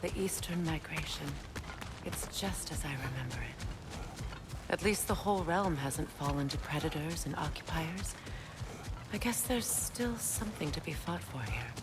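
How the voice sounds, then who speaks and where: A woman playing a wistful, proud female warrior in a video game, with a reflective, measured delivery. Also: low voice, lively intonation, over music. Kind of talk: dramatic video game dialogue. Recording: game ambience noise behind dialogue.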